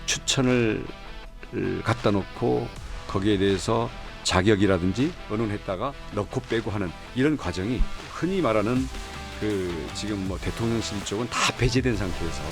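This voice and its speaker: A man's voice: lowish voice, moderate pace, over music. A man in an interview clip, making assertive claims with rising emphasis. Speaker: politician in interview.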